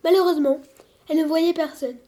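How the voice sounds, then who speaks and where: Lady reading a kids' story, high but mellow voice, lively. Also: fairly quick. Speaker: narrator.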